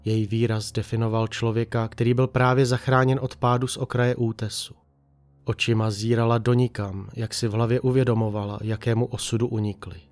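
A man calmly reading a dark story aloud as narrator, in an even storytelling manner. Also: medium pitch.

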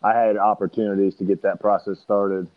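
A man's voice: on the low side, little pitch movement, brisk, phone-quality sound. A man in his forties as an interview guest, talking in an easygoing, loose way. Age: 40s. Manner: easygoing, loose, laughs often. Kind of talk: casual interview chat.

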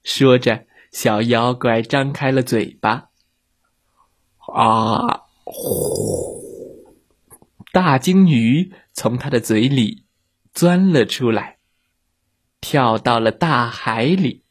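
Man, kids' story narrator; gentle, slow, breathy delivery. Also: mid-range voice, lively intonation. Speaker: children's storyteller. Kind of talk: scripted narration for children.

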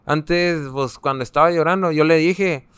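A man's voice: a little high, normal speed, fairly bright tone, clean tone, dry recording. A young man with a Mexican Spanish accent, a guest telling his personal story in an interview, hesitant and full of fillers as he searches for words.

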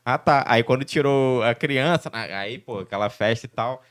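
A man hosting a casual podcast, telling a relaxed personal story. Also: medium pitch, moderate pace.

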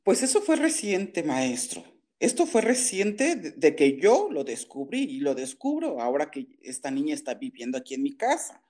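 A woman's voice: deep voice, big pitch swings, normal speed, dark tone. A woman calling in, telling an upsetting family story in an agitated, indignant way with many restarts. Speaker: caller. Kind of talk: emotional phone-in account.

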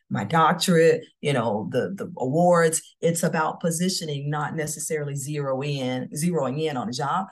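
A middle-aged woman from Florida, telling her career story with confidence in a podcast interview. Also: sits low. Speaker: guest, CEO.

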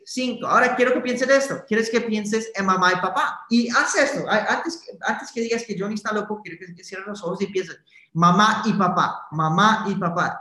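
A man giving a live-streamed motivational training from his office, leading the viewers through a guided visualization and tagging nearly every sentence with a quick question. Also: sits high, a bit bright, reverberant.

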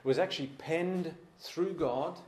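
A man's voice: a little high, measured pace, echoey room. A man preaching a sermon to a congregation in a room, earnest and repeating his points for emphasis.

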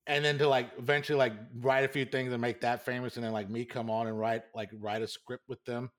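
A man's voice: medium pitch, level tone, fairly quick, fairly bright tone. A man co-hosting a casual film podcast over a remote call, rambling with lots of "like" while his connection cuts out in choppy, robotic dropouts. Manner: rambling, heavy use of "like". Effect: choppy, robotic connection dropouts cutting words off. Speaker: podcast co-host.

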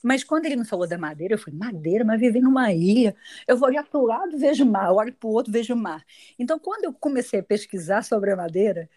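A middle-aged Brazilian woman with a Brazilian Portuguese accent, a guest telling her story in a casual interview, chatty and quick to laugh. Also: a little high, expressive, mellow. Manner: chatty, laughs often, restarts sentences.

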